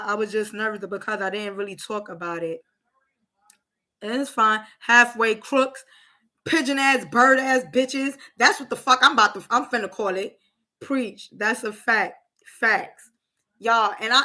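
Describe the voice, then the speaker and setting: A woman with a high, bright voice, venting to her live viewers. She talks casually and curses heavily, repeating herself for emphasis. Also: a little slow. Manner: profane, emphatic, repetitive. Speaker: livestream host.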